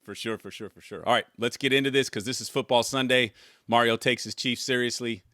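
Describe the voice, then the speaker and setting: A man's voice: medium pitch, fairly even intonation, fairly quick, bright, forceful tone, no echo, clean studio sound. A man hosting a podcast interview, speaking casually and calling his guest brother and man. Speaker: podcast host.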